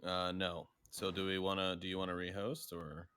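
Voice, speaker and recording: A man co-casting a video game match, adding short, relaxed remarks and color commentary. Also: low voice, normal speed, slight background noise. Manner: relaxed, brief quips, chuckles. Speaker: esports co-caster. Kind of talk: casual esports color commentary. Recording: faint music behind.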